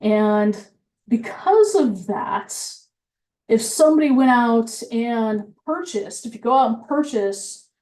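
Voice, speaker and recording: A woman's voice: on the high side, lively intonation, takes it slowly, mellow. A woman compliance engineer giving a methodical technical presentation, explaining with frequent fillers, and she has the hiccups.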